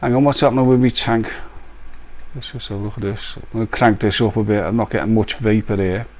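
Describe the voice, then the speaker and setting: A man's voice: lowish voice, steady tone, quick pace, a little mellow. A man hosting a casual live stream, joking, teasing and laughing often.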